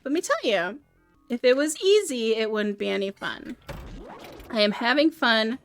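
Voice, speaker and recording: A woman streaming a game live, chatting in a joking, self-mocking way, her voice a bit rough from being sick. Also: on the high side, expressive, moderate pace, soft background music. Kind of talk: live gameplay stream chat.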